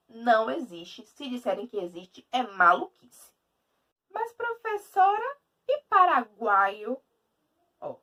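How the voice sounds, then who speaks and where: A woman teacher with a Brazilian Portuguese accent giving a video lesson in an emphatic, lively way. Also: a little high, distant mic.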